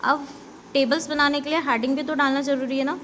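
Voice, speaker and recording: A woman's voice: high voice, little pitch movement, fairly quick, a bit bright, a little hiss or hum. A woman teaching a basic computer lesson to schoolchildren, repeating points and often checking that they follow. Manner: repetitive, keeps checking understanding with "ok"; addresses pupils directly with instructions. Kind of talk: classroom lesson explaining basics to children.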